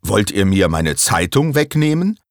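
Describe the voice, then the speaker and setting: Storybook dad voiced by a man, flustered and protesting, unhurried. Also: fairly low pitch, big pitch swings, no echo, clean studio sound. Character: a flustered, annoyed father.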